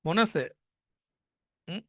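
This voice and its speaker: A man's voice: takes it slowly, bright, forceful tone, no echo. Man teaching an online class. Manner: explains step by step, asking students questions. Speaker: English teacher. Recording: dull lo-fi online class audio.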